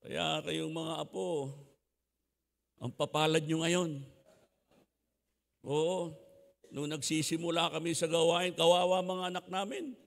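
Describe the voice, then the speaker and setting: An older man with a Filipino accent preaching a sermon in an animated way, moving between homely storytelling and shouted exhortation. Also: extremely high pitch, vocal fry, big-room sound. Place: church hall.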